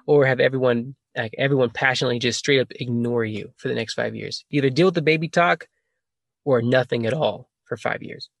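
A man's voice: mid-range voice, brisk, gravelly, no room sound. A man hosting a casual podcast chat, rambling, laughing and correcting himself as he talks. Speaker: podcast host asking questions.

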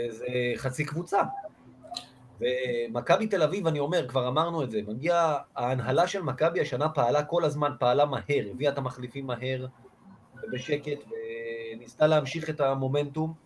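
A man's voice: fairly high pitch, a little hiss or hum. A man co-hosting a sports podcast, giving passionate, casual analysis and speaking of the team as his own. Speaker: podcast co-host, basketball fan.

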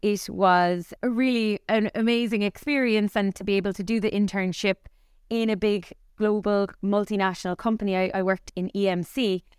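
A company founder from Ireland is the guest on a podcast, chatting candidly about her career in a conversational interview. In her forties, she has a Cork Irish accent and a mid-range voice with fairly even intonation and normal speed. The studio-quality recording is clean and echo-free.

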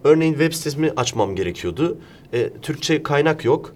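A man's voice: on the high side, expressive, a little fast, darkish tone. A man from Turkey hosting a casual interview, explaining things through examples and rhetorical questions. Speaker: interview host.

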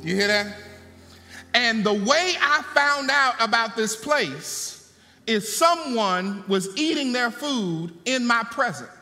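A man preaches in a high, bright voice that climbs and falls with animated energy. He talks to the congregation in call-and-response fashion with folksy asides. His voice rings through a large sanctuary with long reverb and faint music underneath. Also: slow pace. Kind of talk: sermon. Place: church sanctuary.

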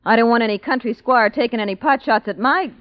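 A woman's voice: fairly high pitch, fast talker, natural voice. An actress playing a brash, wisecracking young American woman in old-time radio drama style, with flippant, slangy delivery on a muffled vintage recording. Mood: breezy, excited. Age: young adult.

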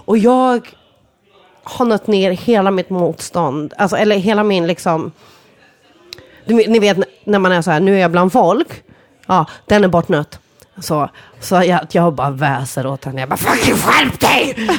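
A woman telling a funny personal story in casual talk. She swears freely, laughs often and acts out what people said with big jumps in pitch.

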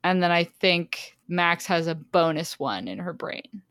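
A woman's voice: on the low side, animated, a little slow, a bit bright, smooth, no echo, clean studio sound. Giggly woman hosting a casual book podcast. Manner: chatty, laughs often mid-sentence. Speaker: podcast host. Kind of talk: casual book-club chat.

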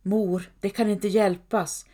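A woman's voice: mid-range voice, fairly even intonation, dark tone, natural voice. A woman voicing a young pregnant daughter in medieval times, speaking in a pleading, tearful way.

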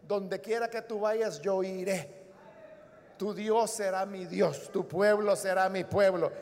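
Preacher doing loyal young widow making a big vow, earnest, echoey hall. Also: male voice, high-pitched, fairly even intonation, slow, very noisy. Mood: devoted. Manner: earnest vow building to a shout. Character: devoted, resolute young widow refusing to leave. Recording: long reverb of a large hall.

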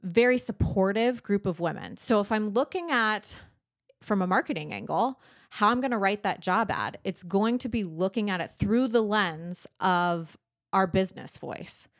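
A woman co-hosting a casual business podcast, talking in a lively way, acting out little quotes and laughing often. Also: medium pitch, normal speed, no echo, studio quality. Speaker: podcast co-host, business owner.

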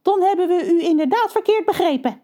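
Two chirpy young crows, eager and cheeky, as a woman puts them on while reading a storybook. Their voices leap far above the narration, high and bright. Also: lively intonation, a little fast.

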